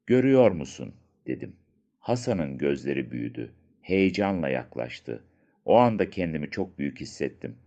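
A man reading a first-person story aloud as an audiobook narrator, in a slow, hushed storytelling manner with dramatic pauses. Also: extremely low pitch.

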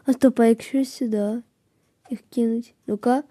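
A woman's voice: a little high, steady tone, moderate pace, warm tone, no echo. A woman playing a game, muttering to herself as she tries things out, then voicing her characters with squeals and battle cries. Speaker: game player. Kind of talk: playful game commentary.

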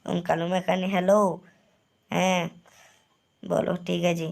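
A woman's voice: on the low side, level tone, normal speed, creaky, a little mellow. A woman narrating a first-person game story in a rambling, repetitive way, speaking straight to viewers. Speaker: gaming channel narrator.

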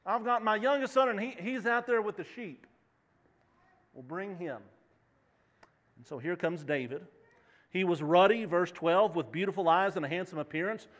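A man's voice: sits high, normal speed, pauses often, fairly bright tone. A man in his thirties preaching a sermon, walking the stage and asking the congregation questions. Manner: walks the stage, gestures, asks the congregation questions. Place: church sanctuary. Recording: long reverb of a church hall.

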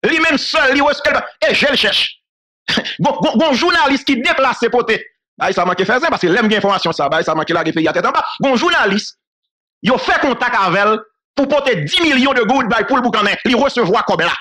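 Fast, bright-voiced man from Haiti. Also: very high-pitched, animated. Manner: emphatic and repetitive, hammering key phrases; breaks into short laughs between points. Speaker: online political commentator. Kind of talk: solo political commentary.

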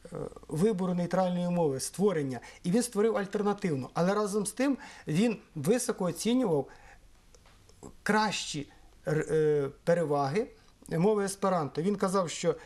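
Middle-aged guy from ukraine explaining stuff in an interview, slow and careful, lots of ums. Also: high voice, lively intonation, a little mellow. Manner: measured, with frequent hesitations and fillers. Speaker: interviewee, Esperanto historian.

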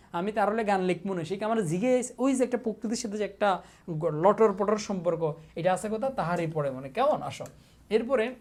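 Teasing coaching teacher. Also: male voice, high voice, darkish tone. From Bangladesh. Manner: teasing, repeats questions, mock threats, drills students. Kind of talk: casual exam-prep class.

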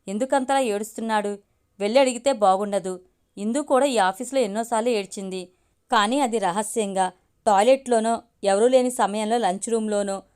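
A woman reading a family story aloud as a steady storyteller. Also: on the high side, clean tone. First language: Telugu.

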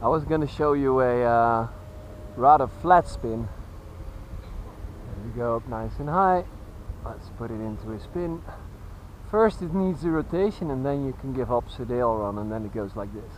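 A man casually commentating as he flies a model jet outdoors, relaxed and chuckling. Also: medium pitch, a little hiss or hum, poor audio. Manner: relaxed, chuckling, talks slowly while flying. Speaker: RC jet pilot reviewer. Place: outdoor flying field.

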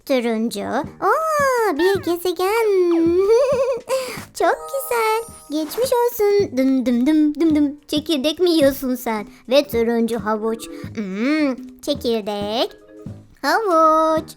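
A woman hosting a children's game video speaks slowly in a high-pitched, very animated voice, cooing and exclaiming to animals and young viewers, often with giggles. Background music plays behind her playful commentary.

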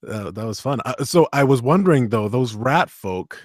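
A man's voice: medium pitch, lively intonation, normal speed, no echo, clean studio sound. A man hosting a live show, chatting casually and animatedly with fillers and laughs. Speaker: host and audiobook narrator.

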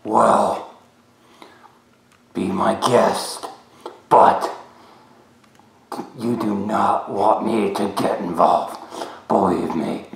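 A young man voicing his menacing alter ego in a disguised deep voice, issuing slow threatening warnings. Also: roomy sound, a little hiss or hum, rough recording. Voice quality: gravelly, slow and low. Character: menacing alter ego of the vlogger, a brooding young male protector.

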